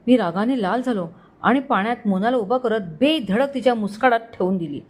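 A woman storyteller reading a romantic story aloud in a steady, expressive way. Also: a little high, a little fast, husky. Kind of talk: scripted story narration.

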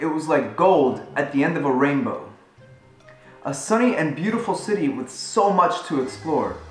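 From his living room at home, a travel vlogger in his thirties narrates a road trip in a casual, upbeat, conversational way. His voice is a little high, and the indoor room sounds echoey.

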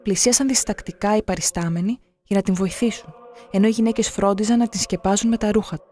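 A narrator reading scripted documentary passages in a measured, solemn way. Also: medium pitch, fairly even intonation, mellow.

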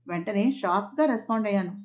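A woman voicing a quick-witted young man who teases and explains plainly. The audio is slightly muffled. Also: mid-range voice, close to an everyday voice. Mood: explaining.

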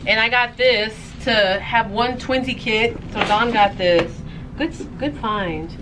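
A woman with a slightly high voice chats casually and jokes as she packs up orders. She laughs easily and swears now and then. A steady hum of noise sits behind her. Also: measured pace. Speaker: co-host of a thrift channel. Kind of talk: casual chat while packing orders.

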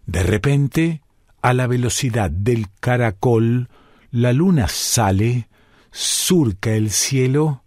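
Brief: male radio columnist, unhurried poetic reading, even mid-range voice, dry close sound. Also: medium pitch, no room sound. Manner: slow, measured and contemplative. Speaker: radio columnist reading his own prose poem.

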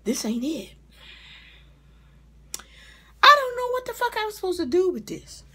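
A very high-pitched, bright and forceful voice with big pitch swings belongs to a middle-aged vlogger and hair stylist giving an unhurried, casual comedic rant. She's profane, blunt and exasperated, recorded on a device mic indoors in a small room at home.

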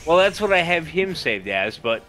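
A man's voice: on the high side, sing-song, normal speed, a bit bright, rough recording. A drunk man chatting and rambling while playing an online game with friends. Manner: rambling, repeating himself. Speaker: gamer. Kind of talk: casual gaming chat.

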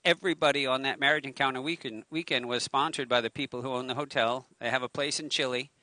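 A middle-aged pastor talks fast in a steady, mid-range voice that sounds pushed and bright. He preaches a casual, chatty sermon with self-mocking jokes on a waterfront lawn, using a handheld mic at a lectern, and the recording is dry.

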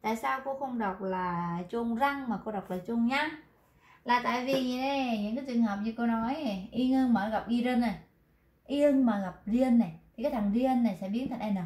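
A Vietnamese woman leads a beginner Korean class, going over vocabulary while talking straight to her students. She leans on repetition and the filler "à." Her fairly high voice is a little mellow, comes at a moderate pace, and sounds reverberant.

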